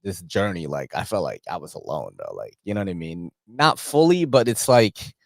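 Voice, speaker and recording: A man's voice: sits low, sing-song, normal speed, creaky, dry recording, studio quality. A man, hosting a casual, rambling knife-channel chat full of slang. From New York City. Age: 40s. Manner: rambling, laughing, slangy with frequent filler.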